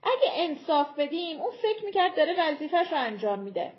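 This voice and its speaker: A woman's voice: sits high, sing-song, muffled recording, pitched above the performer's own voice. A woman voicing a persuasive giant leader who coaxes the tiny folk to come down from a mountain in an audiobook. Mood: apologetic. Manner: coaxing, persuasive.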